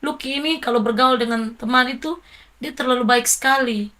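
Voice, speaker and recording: A middle-aged woman, softly and reflectively telling an interviewer about her late son. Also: on the high side, a little fast. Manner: soft, grieving, reflective storytelling. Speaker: interviewee, mother of a fallen soldier. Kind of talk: emotional interview recollection.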